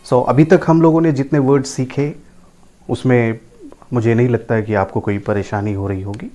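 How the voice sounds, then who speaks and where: A man with an Indian English accent teaching pronunciation, slowly repeating each word and often asking his listeners if they follow. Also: mid-range voice, steady tone, dark tone. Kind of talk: slow, emphatic pronunciation lesson.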